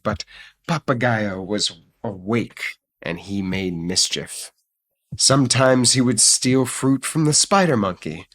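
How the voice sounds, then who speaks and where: A man reading a picture book aloud on a casual stream, relaxed and jokey, with swearing asides. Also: mid-range voice.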